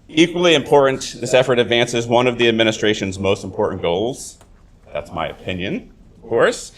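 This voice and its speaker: A man, a university dean, delivering a prepared formal speech at a ceremony, often halting with uh fillers. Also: fairly low pitch.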